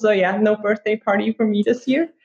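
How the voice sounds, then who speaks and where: A woman in her twenties, a native German speaker with an Austrian accent, chats casually as a podcast guest about her work as an app marketer, sprinkling in fillers like "like." Her medium-pitched, darkish voice is fairly even in intonation and a little fast. The remote recording sounds muffled and roomy.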